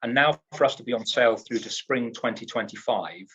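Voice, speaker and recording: A man's voice: mid-range voice, brisk, pushed and bright, slightly rough, lo-fi sound. A man from the UK, a cruise line executive in a trade interview, talks up his company in an upbeat, salesy way and often restarts his words.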